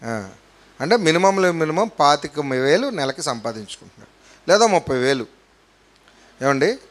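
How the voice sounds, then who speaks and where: A male pastor preaching a sermon with emphasis, swinging between loud and soft and putting rhetorical questions to the congregation. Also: a little high, big pitch swings, moderate pace.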